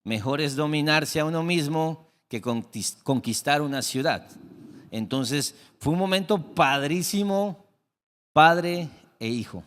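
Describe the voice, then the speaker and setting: A middle-aged man preaching a sermon as pastor, telling a family story, acting out the dialogue and dropping into soft, reflective tones. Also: a little high, lively intonation, a little slow. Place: church sanctuary. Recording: long hall reverb.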